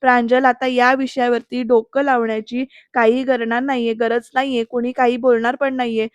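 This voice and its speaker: A man's voice: extremely high pitch, flat delivery, moderate pace, smooth, no room sound, lo-fi sound. A woman voicing a cold curt young man. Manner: curt, sarcastic.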